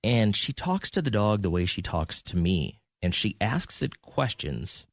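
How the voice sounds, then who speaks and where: A man co-hosting a radio show, telling stories in casual banter and jumping into higher voices when quoting. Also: measured pace, no echo. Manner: animated storyteller, jumps high when quoting. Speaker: radio co-host.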